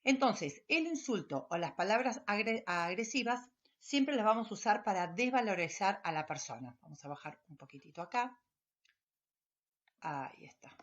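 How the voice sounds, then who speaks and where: A woman's voice: medium pitch, expressive, moderate pace, hardly any pauses, highs cut off. Argentine woman teacher explaining to a class. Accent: Argentine Spanish. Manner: explanatory, asks rhetorical questions with frequent checks of "sí?". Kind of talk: lecturing a class over slides.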